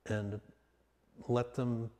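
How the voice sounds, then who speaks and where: A meditation teacher leads a session in a mellow, medium-pitched voice that echoes through a long, reverberant hall. Unscripted and measured, he speaks very slowly and calmly, offering short phrases separated by long pauses.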